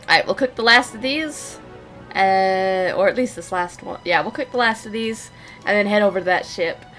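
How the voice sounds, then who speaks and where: A woman's voice: mid-range voice, normal speed, fairly bright tone, soft background music. A young woman chatting casually through a live game stream, laughing often and reading dialogue aloud.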